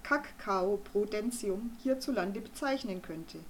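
A woman voicing a stern, pompous male doctor who lectures gruffly in an audiobook reading. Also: mid-range voice, slow, a little hiss or hum, close to an everyday voice. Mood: confiding. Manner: gruff, lecturing, then conspiratorial.

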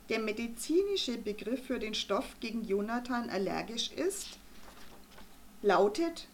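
A woman voicing a stern, pompous male doctor who lectures gruffly in an audiobook reading. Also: a little high, exaggerated voice. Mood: lecturing. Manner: gruff, lecturing, then conspiratorial.

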